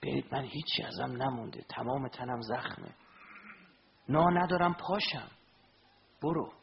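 A man voicing a gravely wounded, dying holy man, speaking in a hushed, breathy, pleading way within a sermon. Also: mid-range voice, muffled recording, slight background noise, natural voice. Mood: weak, pleading.

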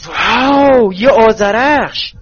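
A man's voice: on the high side, big pitch swings, husky, muffled recording, faint music behind. A man voicing a cheerful, clumsy young witch who is bubbly and boastful. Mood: excited.

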